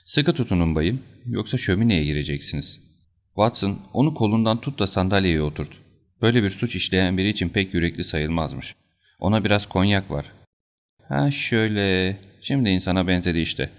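A man playing a stern, quiet detective. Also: low voice, expressive, a little fast, highs cut off. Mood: commanding. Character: stern, calm male detective, cool and commanding.

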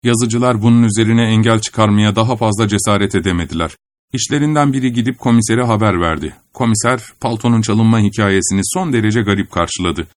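A man reading a literary story aloud in a measured, even storytelling manner. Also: lowish voice, dry recording, clean studio sound. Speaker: narrator. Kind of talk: scripted audiobook narration.

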